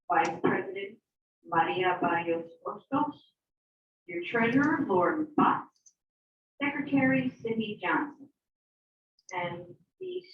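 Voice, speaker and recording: A woman's voice: fairly high pitch, slight background noise. A woman making a school announcement over the intercom, reading out a list of names. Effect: school intercom loudspeaker. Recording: echoey, distant, dull intercom audio.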